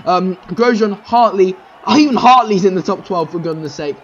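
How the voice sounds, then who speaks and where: A man hosting casual sim-racing commentary, excitable and rambling, with lots of "um" fillers as he runs through results. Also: sits high, moderate pace, dull audio. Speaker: race commentator and series host.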